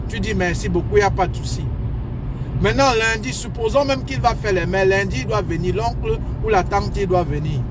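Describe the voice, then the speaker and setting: A man's voice: high voice, background noise. A man giving casual, emphatic advice in a vlog, repeating his points as he lectures. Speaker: advice vlogger.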